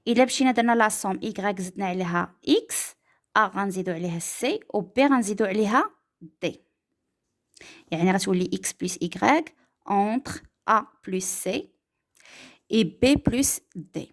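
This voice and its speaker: Woman, Moroccan accent, math teacher, step-by-step explaining, mid pitch. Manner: switches between French and Moroccan Arabic, slows down to dictate examples.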